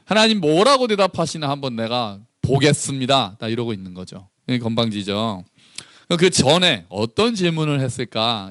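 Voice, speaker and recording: Lively man preaching a sermon. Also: medium pitch, no echo, studio quality. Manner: conversational, acts out dialogue. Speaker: pastor.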